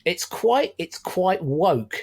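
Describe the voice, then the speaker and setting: A man's voice: high voice, animated, slow, a little mellow. A middle-aged man, chatting wryly about a film as a podcast co-host. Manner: chatty, wry, laughs often. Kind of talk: casual film discussion.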